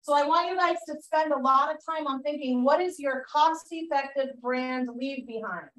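Woman, Boston accent, real estate trainer, fairly high voice, echoey room, mic at a distance. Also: moderate pace, a bit bright. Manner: chatty, loose, many fillers and restarts. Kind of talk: classroom training talk.

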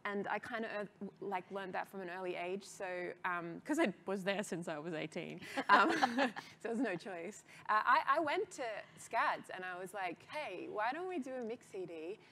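A woman's voice: medium pitch, animated, normal speed, few pauses, pushed and bright, a little hiss or hum. An Australian woman in her thirties from rural Australia, telling her career story in a casual interview, chatty and often laughing. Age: 30s. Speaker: guest, DJ and label founder.

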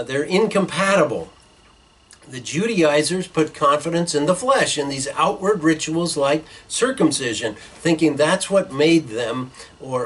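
A man's voice: on the high side, breathy edge, rough recording. A middle-aged man preaching a sermon from a small office, teaching earnestly with hand gestures and some fillers, recorded by a desk webcam. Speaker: pastor. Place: small church office with bookshelves, indoors.

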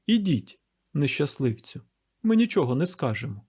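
A man's voice: on the high side, big pitch swings, moderate pace, darkish tone, husky. Guy doing a proud young woman, cold and scornful, voice pushed way up, audiobook.

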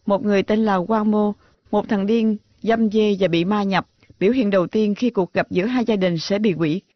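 A woman dubbing a sharp-tongued, jilted young woman teacher in a TV drama, defiant and biting. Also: mid-range voice, fairly even intonation, normal speed, dry recording, close to an everyday voice. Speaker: dub actress. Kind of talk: dubbed TV drama acting. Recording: dull lo-fi dub audio.

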